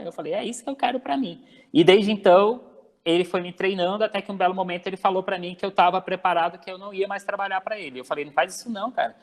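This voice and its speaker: Middle-aged guy telling a story, acts out all the quotes, casual chat. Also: on the high side. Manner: animated, acts out quoted dialogue. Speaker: guest speaker.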